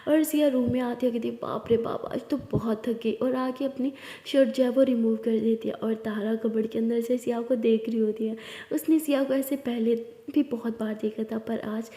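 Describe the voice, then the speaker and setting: A young woman narrating a romance story in a hushed, breathless telling. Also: a little high, flat delivery, normal speed. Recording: roomy reverberant room.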